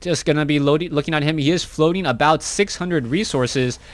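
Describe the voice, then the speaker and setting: A man casting a strategy game match live, narrating each move as it happens. His voice sits a bit high for a man. He talks in a loose, chatty way, restarting phrases and correcting himself as he goes. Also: brisk. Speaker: esports caster. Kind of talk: live play-by-play game commentary.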